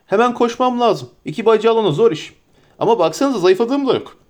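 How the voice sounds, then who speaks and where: A man reading aloud and voicing a stout, bustling, forgetful middle-aged innkeeper who chatters in a hurried, flustered way. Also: sits high, lively intonation, darkish tone, voice pushed up.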